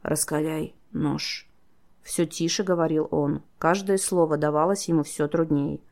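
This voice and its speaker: A woman narrating an audiobook in a steady storytelling manner, voicing the characters herself. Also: deep voice, moderate pace. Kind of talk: scripted narration.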